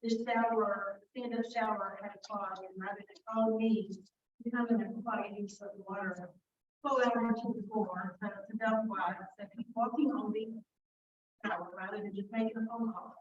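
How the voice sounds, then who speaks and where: A woman's voice: medium pitch, steady tone, moderate pace, roomy sound, recorded from a distance, highs cut off, noisy background. A woman who owns rental property, speaking casually and hesitantly in broken-off phrases. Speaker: landlord asking for advice. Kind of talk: casual conversation.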